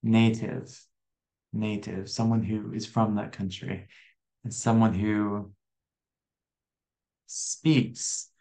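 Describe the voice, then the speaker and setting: A man's voice: on the low side, little pitch movement, slow, gravelly, long pauses, dark tone. An American man in his twenties teaching an online English lesson, talking in a friendly way, repeating words and asking the viewer questions. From USA. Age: 20s.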